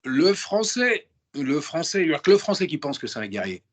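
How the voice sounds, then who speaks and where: Here a man with a fairly high pitch speaks at normal speed as a guest in an interview. His talk is loose, slangy and emphatic, full of false starts and repetition.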